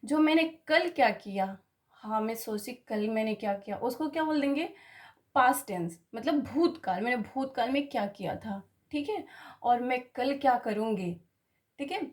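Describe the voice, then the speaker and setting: Woman teacher, high voice, patient explaining, spells out words. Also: lively intonation, normal speed. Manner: explains patiently, keeps asking "ठीक है?". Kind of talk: Hindi grammar lesson.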